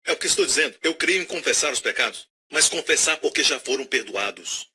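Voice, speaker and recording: A man preaching a sermon, animated and questioning his audience. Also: a little high, brisk, slightly rough.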